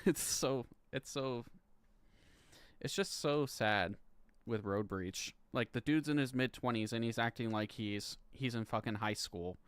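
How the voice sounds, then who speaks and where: A man's voice: mid-range voice, unhurried, fairly bright tone, smooth, dry recording. A man in his thirties chatting casually on a live stream, rambling and swearing, laughing between lines and stumbling as he reads legal text aloud. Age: 30s. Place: home room.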